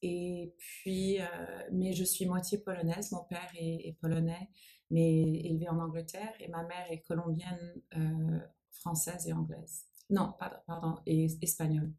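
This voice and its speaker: Speaking at a measured pace, this woman has a warm, fairly low voice with little pitch movement. She is a guest in an interview, a nonprofit founder in her forties whose first language is English, responding thoughtfully in English-accented French while hunting for words.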